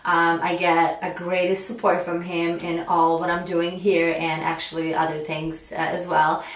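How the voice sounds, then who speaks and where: A woman's voice: fairly low pitch, monotone, unhurried, recorded from a distance. A woman in her thirties from Ukraine with a Ukrainian accent, chatting casually to camera as a makeup artist vlogger, with many fillers and restarts. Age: 30s. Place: home studio room, indoors. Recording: roomy echo, voice a bit off-mic.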